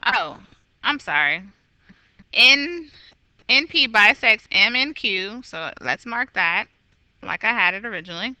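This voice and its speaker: Woman math teacher, bright voice, dry close sound, patient step-by-step delivery. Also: medium pitch, dry recording, poor audio. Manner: patient, methodical, corrects herself aloud. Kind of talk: recorded geometry lesson.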